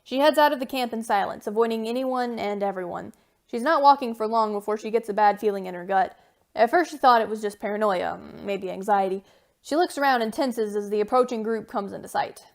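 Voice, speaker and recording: A woman narrates a story in a brisk, fast-moving way. Her voice sits a little high. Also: lively intonation.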